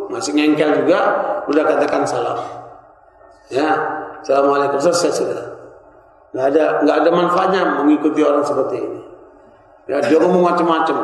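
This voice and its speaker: A man with a high-set voice gives a mosque sermon, animated and full of storytelling, slipping into the voices of the people he quotes. He sounds distant from the microphone, and his words ring with a long, heavy echo around the hall. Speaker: preacher giving a Quran commentary study. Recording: very echoey hall, speaker far from the mic.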